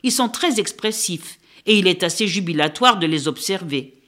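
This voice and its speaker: Expressive woman reading a picture book aloud. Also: fairly low pitch, moderate pace. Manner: expressive storyteller. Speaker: book reviewer.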